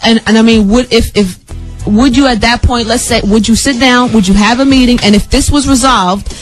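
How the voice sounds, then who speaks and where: A woman radio host who calmly steers a heated interview, repeating herself to slow things down. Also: a little high, faint music behind. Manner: calming, measured, repeating to steer the talk. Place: radio studio.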